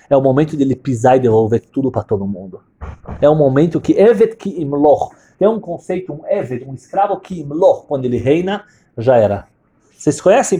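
A man, a religious teacher telling a story in a sermon, animated and full of Hebrew terms. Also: mid-range voice, slightly rough.

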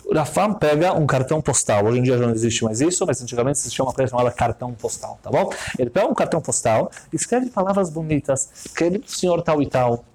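A man with a Brazilian Portuguese accent telling a story in a sermon, animated and peppered with Hebrew terms. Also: mid-range voice, fast. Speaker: religious speaker.

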